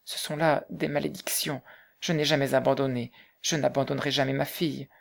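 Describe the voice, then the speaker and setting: A man reading the part of a bitter, grieving young mother, speaking softly and subdued in an audiobook. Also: medium pitch, little pitch movement, brisk, gravelly, natural voice. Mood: alarmed. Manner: soft, subdued, hushed.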